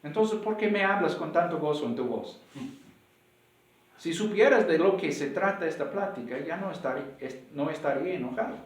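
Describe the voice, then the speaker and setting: Animated Mexican man preaching, echoey. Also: moderate pace. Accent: Mexican Spanish. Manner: animated, acts out dialogues with rising pitch. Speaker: pastor. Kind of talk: sermon. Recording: echoey room, voice from far off.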